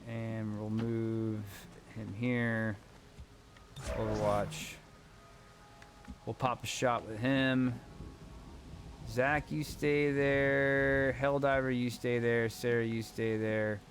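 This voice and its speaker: A man talks over his gameplay stream, excitable and profane. He rambles, restarts his sentences, and gets carried away by game lore. His voice sits at an ordinary middle pitch. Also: drawn-out words, pauses often, noisy background. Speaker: gaming streamer. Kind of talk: casual gameplay commentary.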